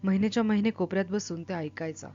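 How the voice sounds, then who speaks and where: A woman reading a novel aloud with expressive, dramatic delivery, then explaining it as a literature teacher. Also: medium pitch, quick pace, muffled recording, faint music behind.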